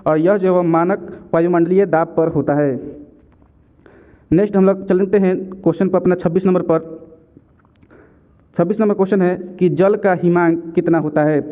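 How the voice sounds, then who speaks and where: This man teaches exam-prep chemistry through questions and answers, speaking in a high, even voice at normal speed with frequent pauses. His style is didactic, restating key points as reminders, and the sound is thin and phone-like.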